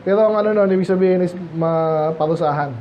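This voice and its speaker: A man preaching a midweek Bible study sermon in a conversational way, often asking the congregation rhetorical questions and reading scripture slowly and solemnly. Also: high-pitched, lo-fi sound, a little hiss or hum. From Philippines.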